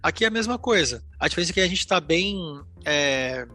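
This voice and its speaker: A man's voice: a little high, lively intonation, brisk, pushed and bright, soft background music. A man with a Brazilian Portuguese accent, hosting a film podcast in opinionated casual chat.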